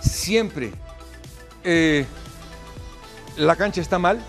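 A man's voice: a little high, extremely slow, creaky. Older mexican guy, sports pundit, emphatic, faint music behind. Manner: emphatic, laughs while pleading. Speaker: soccer pundit. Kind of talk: heated studio debate. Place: TV studio.

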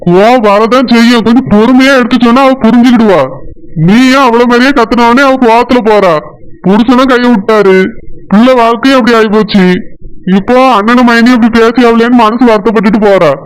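A man voicing a patient village man in a cartoon, gentle and soothing, with a Tirunelveli Tamil accent. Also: extremely high pitch, fairly even intonation, a little fast, smooth, poor audio. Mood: calming. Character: patient village elder brother, calm peacemaker. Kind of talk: cartoon voice acting.

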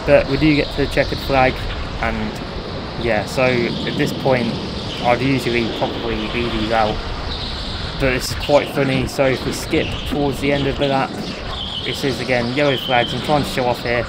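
Male karting video host, informal race commentary, mid-pitched, very noisy vehicle backdrop. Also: steady tone, moderate pace. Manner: informal, dialectal grammar. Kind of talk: casual race commentary voice-over. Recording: noisy, outdoor-like vehicle and ambient noise.

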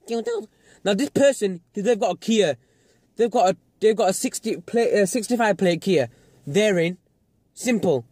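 A young man with a high-pitched, slightly mellow voice vlogs a ranting commentary, recorded with no room sound. He swears constantly and mocks the people he's watching in exasperated put-on voices.

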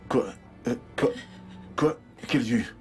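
A man dubbing a controlling husband in a French film dub, soothing but insistent as he urges his wife to stay quiet. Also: medium pitch, slow, soft background music, close to an everyday voice. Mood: alarmed. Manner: soothing yet pressing, insistent. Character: controlling husband hushing up a death.

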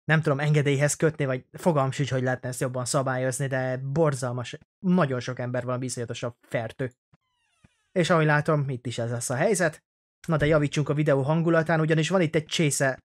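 A man's voice: medium pitch, steady tone. Sarcastic young man doing game commentary. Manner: jokey, sarcastic, rambling. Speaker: let's play host.

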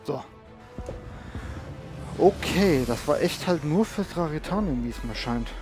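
A man's voice: a little high, lively intonation, unhurried. A man giving casual, off-the-cuff gameplay commentary, repeating words as he searches for them. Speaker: let's play host. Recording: game music behind the voice. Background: video game music.

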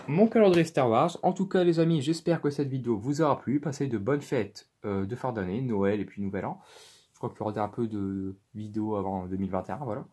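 A man's voice: mid-range voice, mellow, breathy edge. A man hosting a casual unboxing vlog, thinking aloud and counting hesitantly. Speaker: toy-unboxing YouTuber.

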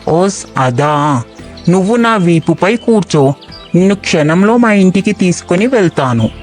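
A woman's voice: lowish voice, expressive, measured pace, a little mellow, faint music behind, voice pushed down. A woman voicing a scheming male crocodile in a cartoon storybook, talking in a pleading, coaxing way. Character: scheming male crocodile, friendly then treacherous.

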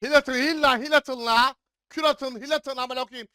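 A young man streaming a game live, yelling orders at his teammates and swearing in frustration. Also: extremely high pitch, fairly even intonation, brisk, clear, resonant tone, no echo, studio quality. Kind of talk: live gameplay commentary.

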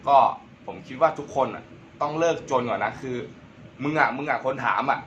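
A man's voice: medium pitch, brisk, muffled recording, heavy background noise. A young man hosting a casual Q&A vlog, joking and using crude slang. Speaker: vlogger.

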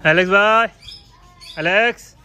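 A man's voice: sits high, slow pace, clear, resonant tone. A young man chats playfully as he films his pets at home. He scolds and coaxes the animals in a casual vlog style. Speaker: pet and bird vlogger. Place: home yard with pet cages. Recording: outdoor recording with loud birdsong.

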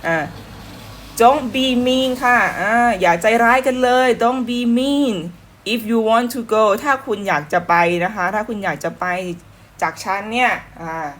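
A woman gives a relaxed online English lesson. She sounds chatty and patient. She slowly repeats each phrase and leaves many pauses. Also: fairly high pitch. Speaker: English teacher.

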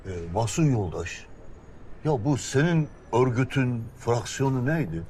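A man's voice: medium pitch, sing-song, unhurried, a little mellow, slight background noise. A man playing a sardonic senior militant comrade who drily humours his junior in comic dialogue. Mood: dry, sardonic.

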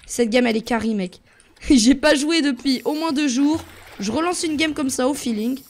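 A young man giving excitable gameplay commentary as a YouTuber, jumping between yelps and muttering to himself. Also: very high-pitched, normal speed. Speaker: gaming YouTuber.

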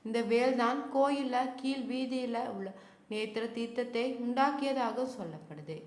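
A woman narrating temple history in a relaxed, chatty way, often adding "you could say" and correcting herself mid-phrase. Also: a little high, normal speed, roomy sound. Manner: casual spoken Tamil with fillers like "you could say". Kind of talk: colloquial devotional narration.

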